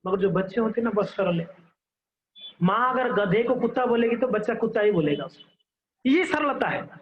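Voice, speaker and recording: A man preaches in an animated, story-driven way, acting out characters and checking in with listeners. His voice is very high, and the recording sounds dull and lo-fi. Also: normal speed. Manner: animated, acts out characters, asks the audience. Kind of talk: devotional sermon with storytelling.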